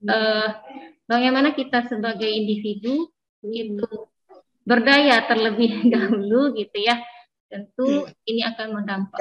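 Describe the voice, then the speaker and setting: Muffled through a face mask, woman, Indonesian accent, seminar lecturer, conversational, medium pitch, dull video call audio. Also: a bit bright. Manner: conversational, frequently checking with listeners using tag phrases. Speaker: guest lecturer at an online seminar. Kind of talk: semi-formal seminar presentation. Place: room on a university campus, on a video call.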